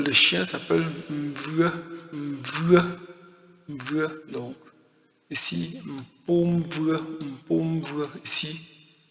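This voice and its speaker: A man's voice: on the high side, creaky, fairly bright tone. A man giving a spoken language lesson, repeating each word several times with hesitant fillers. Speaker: language teacher. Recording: echoey room, dull lo-fi sound.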